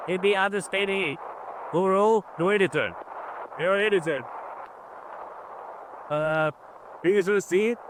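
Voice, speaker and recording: A man with a high, gravelly voice delivers a stiff, formal greeting. It comes through as a scratchy old wax cylinder recording with hiss underneath. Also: fairly bright tone.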